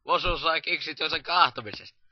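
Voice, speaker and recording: A man in improvised amateur comedy, rowdy and mocking, who often shouts crude insults. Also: a little high, muffled recording, slight background noise.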